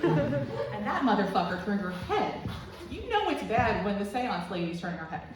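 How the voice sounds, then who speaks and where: A woman's voice: medium pitch, very animated, moderate pace, music in the background, crowd noise. A woman in her twenties doing rambling, crude, self-deprecating stand-up storytelling in a small club room. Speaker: stand-up comedian. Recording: very echoey room, distant mic, faint noise.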